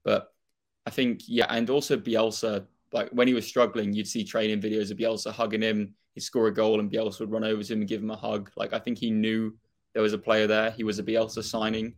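A man's voice: fairly low pitch, level tone, brisk. A young man with a Norfolk accent chatting casually and opinionatedly about football as a fan, in a rambling way. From Norfolk, England.

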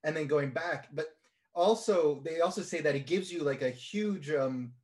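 Brief higher-voiced male co-host, thoughtful, pauses to find words. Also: a little mellow. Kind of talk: casual interview talk.

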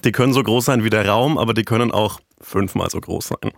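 A man's voice: lowish voice, fairly quick, creaky, dry recording. A young man from Upper Franconia, a podcast guest speaking plain standard German in a dry, self-deprecating way. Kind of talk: casual interview chat. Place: podcast studio.

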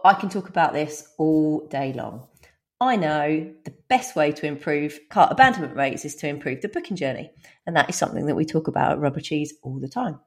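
A woman with a twangy Essex accent hosting a podcast solo, speaking directly to listeners in an informal, self-deprecating, chatty way. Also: low-pitched. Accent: Essex, England. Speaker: podcast host.

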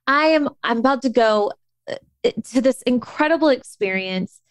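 A young woman tells a long personal story in an animated, chatty way, stumbling and restarting as she talks. Her voice sits a little high, and the sound is dry and close. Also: moderate pace, dry recording. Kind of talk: casual storytelling chat.

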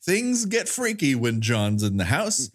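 A man's voice: medium pitch, very animated, a little slow. A man hosting a podcast with jokey banter and showy turns of phrase. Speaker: podcast host.

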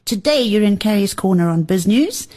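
A woman's voice: medium pitch, lively intonation, normal speed, warm tone. A middle-aged woman hosting an interview show, chatting playfully and laughing often. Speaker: podcast host.

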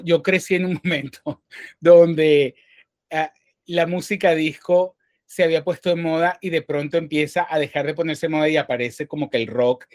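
A man from Venezuela speaking as an interview guest, thoughtful and halting, often restarting and repeating words. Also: fairly high pitch, dry recording, clean studio sound. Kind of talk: casual interview talk.

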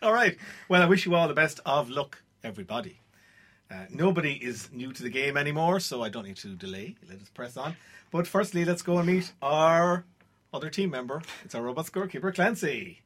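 A man's voice: on the high side, expressive, a little fast, fairly bright tone, slight background noise. An Irish man hosting a radio trivia quiz from a studio, introducing and moving things along in presenter style. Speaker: quiz show host.

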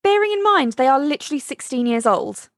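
A woman's voice: high-pitched, brisk, no room sound. A woman co-hosting a podcast, exclaiming and laughing as she talks over a TV episode. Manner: expressive, exclaiming, laughs often. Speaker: podcast co-host. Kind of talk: casual chat recapping a TV episode.

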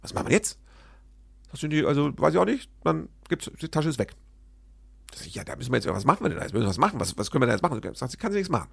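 A man casually telling a story to his listeners, animated and self-deprecating, acting out both sides of the dialogue. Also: on the high side, very fast, creaky, breathy edge, no echo.

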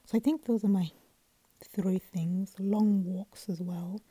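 A sleepy woman hosts her podcast in a low, breathy whisper, with a very dark and mellow tone. She chats casually into a close mic in a dry, dead room, trailing off into ums and restarts as she goes. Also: fairly even intonation, takes it slowly, no echo. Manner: speaks mostly in a soft whisper, with many ums and restarts. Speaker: podcast host. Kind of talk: casual solo podcast chat.

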